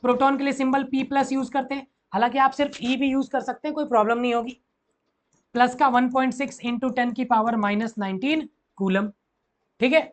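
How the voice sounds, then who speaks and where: A physics teacher with a very high-pitched, steady voice lectures school students a little fast, switching between Hindi and English. He returns to key phrases and keeps putting questions to the class.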